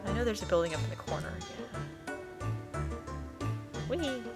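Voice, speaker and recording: A woman casually chatting through a let's play, explaining the game as she goes. Her tone is relaxed and talkative, with clear game music playing under her voice. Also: mid-range voice, unhurried.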